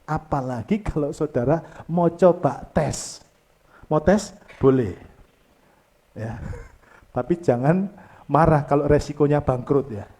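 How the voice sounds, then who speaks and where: A man's voice: takes it slowly, long pauses. A man, preaching a sermon as pastor, calling out to the congregation and leading them in reading aloud. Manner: swings from loud exclamations to soft low asides.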